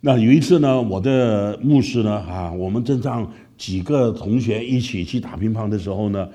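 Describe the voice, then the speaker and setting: A man from Malaysia with a Malaysian Mandarin accent, telling a lively story as a preacher and often asking listeners "right?". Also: fairly low pitch, normal speed. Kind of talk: storytelling sermon.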